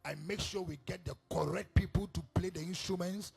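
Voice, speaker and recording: A man's voice: sits high, steady tone, brisk, vocal fry, a little mellow, breathy edge, faint music behind, exaggerated voice. A man voicing a polite but evasive wife who offers her husband a grand funeral instead. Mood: placating.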